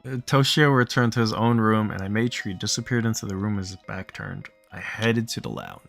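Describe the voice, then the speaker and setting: A man's voice: on the low side, expressive, a little fast, gravelly, a bit bright, soft background music. A man reading a visual novel's text aloud for a let's play, narrating plainly and stopping now and then to joke and laugh. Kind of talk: reading game text aloud with casual asides.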